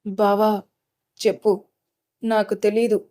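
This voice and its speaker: A woman voicing a quiet young wife answering in a respectful, guarded way. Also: medium pitch, little pitch movement, slow pace, natural voice.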